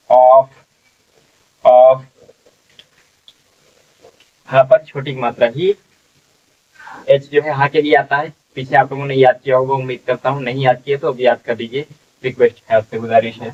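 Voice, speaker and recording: A man teaches beginner phonics, stretching each word out slowly and saying it again and again, with a checking filler after almost every step. He sounds set back from the mic. The recording is dull and lo-fi. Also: medium pitch, far from the mic. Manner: slow, drawn-out sounding out of words, repeating each one. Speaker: English reading teacher.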